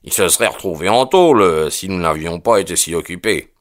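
A blunt working-class constable, gruff and uneasy, as a man reads him aloud in an audiobook. He stumbles through rough colloquial phrases with plenty of hesitant fillers, his voice sitting low and deep. The sound is close and dry, with no room around it. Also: animated, brisk, no room sound. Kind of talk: audiobook character voice.

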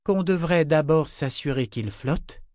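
A man's voice: fairly high pitch, normal speed, a little mellow, dry recording, voice pushed up, close to an everyday voice. A worn-out young woman biting back sarcasm, as a male reader voices her. The tone is lifted a little above his own and stays dry and pointed. The sound is close and dry. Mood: sarcastic. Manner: dry, barely restrained sarcasm. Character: tired, sharp-tongued young woman holding back sarcasm.

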